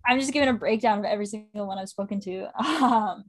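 A young woman from Canada, talking in a casual interview. She is chatty and enthusiastic, piling on fillers and breaking into quick laughs. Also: medium pitch. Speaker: guest, women's football correspondent.

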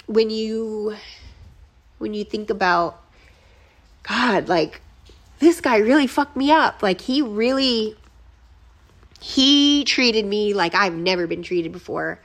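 A woman's voice: medium pitch, fairly bright tone. Tearful woman telling a personal story. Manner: emotional, profane, halting with restarts. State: close to tears. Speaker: podcast host.

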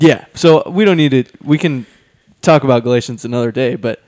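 A man's voice: mid-range voice, a little fast, a little mellow, no room sound, clean studio sound. A man co-hosting a casual podcast, reading Bible passages aloud between many ums and restarts, a little out of breath. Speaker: podcast co-host.

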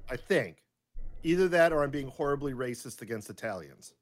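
Man, casual podcast chat, lively swooping pitch, animated storytelling. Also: brisk, slight background noise. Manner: animated storyteller, acts out quotes in lively voices.

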